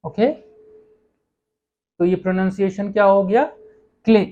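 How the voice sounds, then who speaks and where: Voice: mid-range voice, a little slow, darkish tone. Teacher for a recorded language lesson: patient, explanatory, mid-range voice, slightly muffled recording. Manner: patient, repeats "okay" and corrects own slips. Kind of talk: online lesson explaining pronunciation.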